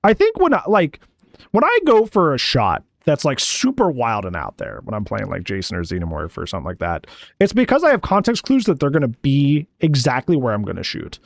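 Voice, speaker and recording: A man coaching through a gameplay review, blunt and sarcastic in a chatty way. His pitch swings all over as he talks, sitting in the middle for a man, and the sound is dry and close with no room around it. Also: huge pitch swings, a little fast, vocal fry, no room sound. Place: at home.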